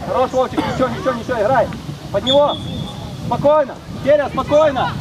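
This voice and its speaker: A man's voice: very high voice, a little fast, recorded from a distance. A man coaching youth football from the touchline, calling out urgent, clipped, repetitive instructions and players' names. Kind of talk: shouted touchline instructions during a match. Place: outdoors at a football pitch touchline. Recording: windy outdoor noise, loud and rough.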